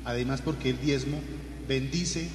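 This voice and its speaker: Colombian priest in cathedral echo. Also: male voice, mid-range voice, steady tone, normal speed, a little hiss or hum. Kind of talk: liturgical prayer and parish announcements read from the lectern. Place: large church, indoors. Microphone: lectern microphone. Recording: echoey church with long cathedral reverb.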